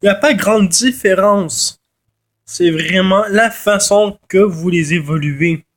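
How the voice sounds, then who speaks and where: A man with a Québécois accent and a nasal voice, congested from a cold, giving a casual, halting game tutorial in which he often repeats and corrects himself. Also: high-pitched. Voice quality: nasal from a blocked nose. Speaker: gaming video host.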